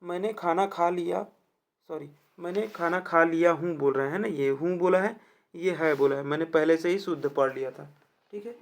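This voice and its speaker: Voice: medium pitch, moderate pace. A teacher going through exam questions for students, who keeps asking rhetorical check-in questions and repeats each answer. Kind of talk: explaining test questions to students.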